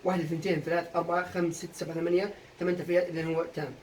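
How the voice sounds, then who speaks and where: Guy teaching poetry meter, rapid-fire, voice kinda high, mic a bit far off w faint room hum. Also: little pitch movement. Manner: drills students with quick questions and answers. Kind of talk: exam-prep poetry meter lesson.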